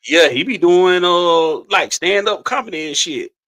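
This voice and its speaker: A middle-aged man co-hosts a podcast in easygoing, rambling conversation. His voice sits a little high and sounds bright and sharp. He often stumbles and restarts his sentences. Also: lively intonation, measured pace. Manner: laid-back, rambling with repeated restarts and laughter. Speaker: podcast co-host. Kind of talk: casual chat.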